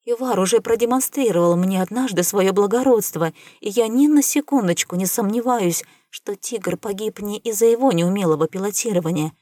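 A gullible male alien trader, eager and easily impressed, blurting out questions, as a woman reads him. The voice is pitched a little above her own, louder, and the recording is dry and close. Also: no room sound, natural voice. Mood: earnest, loud. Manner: eager, gasping, quick to believe. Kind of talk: audiobook character reading.

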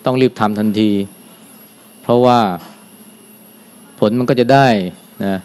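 Older monk teaching dharma, calm and slow-paced, smooth clear voice. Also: male voice, medium pitch. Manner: calm, unhurried, adds a soft "na" at the end of phrases. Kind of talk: dharma talk.

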